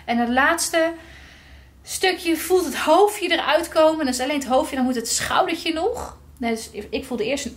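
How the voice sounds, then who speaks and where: A woman tells a personal story in a vlog, with a slightly high voice. She talks in a lively way and acts out the quotes of the people in it. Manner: lively, recounting with acted-out quotes. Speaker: vlogger.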